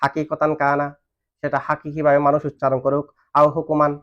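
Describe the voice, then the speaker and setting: A man's voice: fairly high pitch, completely flat delivery, fairly quick. A man teaching a grammar lesson, asking questions and waiting for students to answer. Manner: asks questions and has students answer back. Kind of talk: classroom lesson on Arabic grammar. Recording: dull lo-fi recording.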